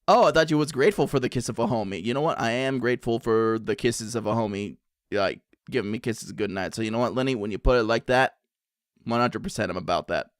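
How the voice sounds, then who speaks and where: A man's voice: medium pitch, quick pace, no room sound, studio quality. A young man streaming from home, chatting casually with viewers and often laughing as he reacts to the chat.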